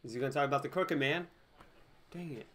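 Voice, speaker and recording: A man's voice: mid-range voice, a bit bright, slight background noise. A man giving casual, joking commentary while playing through a story game. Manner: joking, quick asides to viewers. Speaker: let's play gamer.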